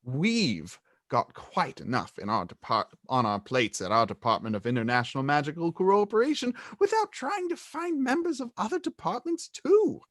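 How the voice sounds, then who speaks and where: A man's voice: a little high, sing-song, moderate pace, fairly bright tone, no echo, studio quality. A man reading the part of a pompous young male wizard official with a self-important, emphatic delivery, in an amateur group read-aloud.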